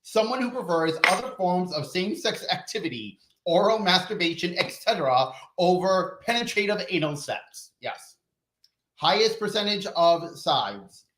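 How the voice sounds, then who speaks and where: A man's voice: high voice, sing-song, normal speed, fairly bright tone. A man hosting a casual, playful and bawdy quiz segment, chatting and reading out results. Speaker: talk show host presenting a quiz. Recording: roomy, echoing sound.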